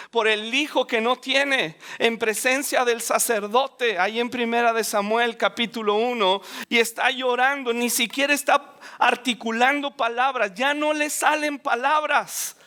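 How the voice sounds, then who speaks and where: A man's voice: very high-pitched, measured pace, hardly any pauses, bright, forceful tone. A man, preaching a sermon in an earnest, emphatic way. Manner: earnest, emphatic, acts out scripture scenes.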